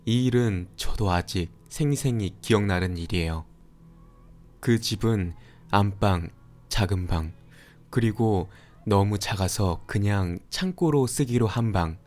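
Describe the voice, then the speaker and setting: A man calmly narrating a scary story for a horror radio show. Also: fairly low pitch, measured pace, faint music behind. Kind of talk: scripted horror story reading.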